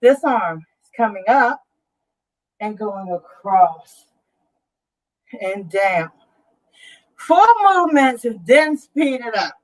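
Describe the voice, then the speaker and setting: A woman's voice: on the high side, animated, slow pace, pauses often, poor audio. A woman leading a workout as an aerobics instructor, calling out counts and cues in a directive, encouraging way. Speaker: fitness instructor.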